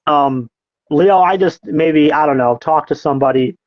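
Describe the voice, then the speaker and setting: A man's voice: fairly high pitch, moderate pace, no echo, dull audio. A man hosting a casual podcast, reading out comments and mocking them with sarcastic, profane jabs. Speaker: podcast host.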